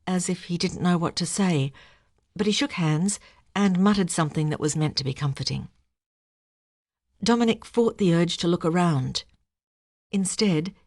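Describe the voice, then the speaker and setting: Brief: woman audiobook narrator, lowish voice, dry close sound. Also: dry recording. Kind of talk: scripted narration.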